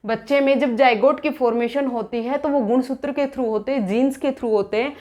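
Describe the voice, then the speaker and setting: High-voiced woman teaching an exam lesson. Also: moderate pace, darkish tone. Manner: explains by asking questions and answering them; restates terms in both English and Hindi. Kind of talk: exam-prep lecture.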